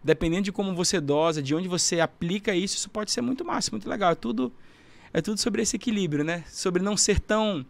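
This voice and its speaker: Podcast guest, Brazilian man, thoughtful and soft-spoken, slightly raised pitch. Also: quick pace, creaky. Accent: Brazilian Portuguese. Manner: reflective, soft-spoken, ending phrases with "né?". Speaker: musician guest. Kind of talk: casual podcast interview.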